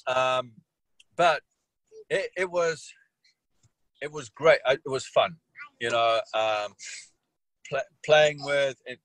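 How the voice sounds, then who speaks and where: A man's voice: medium pitch, a bit bright, no echo, rough recording. A man from Malawi and South Africa, a soccer coach, answering interview questions in a rambling way with many restarts and fillers.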